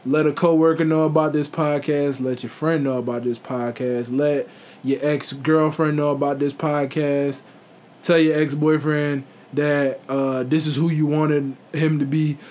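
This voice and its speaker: Slangy man with a higher voice, noisy recording. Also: flat delivery, unhurried, darkish tone. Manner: slangy, jokey, repeats catchphrases. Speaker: podcast co-host. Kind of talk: casual comedic chat.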